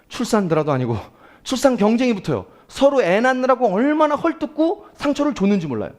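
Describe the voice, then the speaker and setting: A male pastor delivers a sermon with a high voice. His pitch swings widely as he asks the congregation questions and acts out the prayers he quotes. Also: a little mellow.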